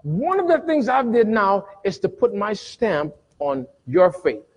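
A middle-aged male pastor with a husky voice, preaching a sermon with sudden loud bursts and dramatic pauses, recorded in a church sanctuary. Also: high voice, very animated. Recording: long reverb of a church hall.

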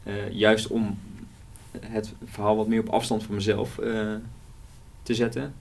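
Hesitant Dutch-speaking man, lowish voice. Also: flat delivery, a little slow, gravelly. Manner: hesitant, many fillers and restarts. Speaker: author being interviewed. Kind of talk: casual interview, reading aloud from his novel.

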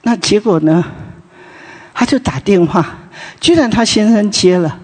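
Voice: mid-range voice, lively intonation, measured pace, darkish tone, slightly rough, long reverb tail. A preacher telling a story in a sermon at a morning prayer meeting, chatty, with many tag particles and restarts.

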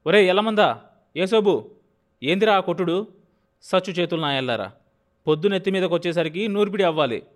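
A man voicing a stern, bossy young farmer who shouts orders at his laborers in an audiobook. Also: on the high side, normal speed, pauses often, pitched above the performer's own voice, close to an everyday voice. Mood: commanding. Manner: loud, commanding, scolding. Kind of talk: audiobook character voice.

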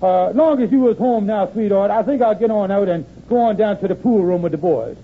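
A man's voice: sits high, a little fast. A man playing a blustering, scheming henpecked husband in an old-time AM radio comedy, speaking a folksy ungrammatical dialect. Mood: flustered, placating. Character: blustering, henpecked lodge-leader husband, scheming and easily cowed. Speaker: comic actor. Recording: tinny, noisy old AM radio recording.

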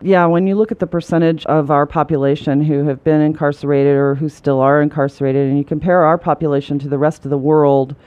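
A man's voice: on the high side, steady tone, smooth, no room sound, muffled recording. A man hosting a radio interview, agreeable and attentive, affirming his guest's points. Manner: agreeable, attentive, drawn-out listener cues. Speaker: radio show host. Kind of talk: interview talk.

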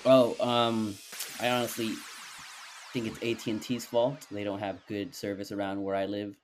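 A man's voice: lowish voice, little pitch movement, normal speed, soft background music. A man co-hosting a podcast in casual, joking banter, on his own microphone. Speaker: podcast co-host. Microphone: own microphone, joining remotely by call.

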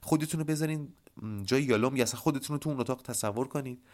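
A man hosting a podcast, explaining ideas to listeners in an animated monologue and addressing them directly. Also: medium pitch. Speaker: podcast host.

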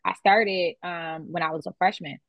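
A woman's voice: fairly low pitch, steady tone, normal speed, dry recording, rough recording. A woman in her twenties, a beauty business founder, talking casually as a guest and tagging her points with "like" and "right?". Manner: conversational, many "like" and "right?" tags. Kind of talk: casual interview chat.

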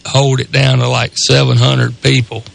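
Southern guy co-hosting sports radio, super gravelly creaky voice, rambly rural drawl. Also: mid-range voice, flat delivery, normal speed, fairly bright tone, slight background noise. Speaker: radio co-host. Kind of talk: casual sports talk radio chat. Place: radio studio.

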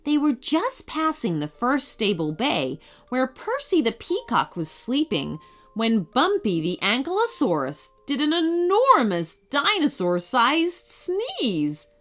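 A woman narrating a children's storybook in an expressive storytelling manner. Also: high-pitched, takes it slowly.

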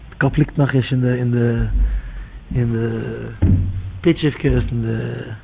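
A man's voice: medium pitch, steady tone, measured pace, gravelly. Man telling rambling stories on a tinny line. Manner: rambling, repetitive, chant-like phrasing. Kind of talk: informal religious storytelling. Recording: tinny phone-like audio with faint noise.

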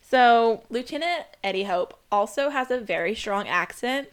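A woman's voice: fairly high pitch, animated, normal speed, clear, resonant tone. A woman co-hosting a podcast, chatting casually and laughing easily. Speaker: podcast co-host. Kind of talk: casual chat.

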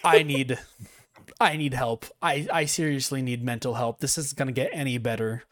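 A man's voice: medium pitch, steady tone, normal speed, a bit bright. Rambling young male podcast host. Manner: rambling, self-mocking, laughs often. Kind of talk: casual podcast chat.

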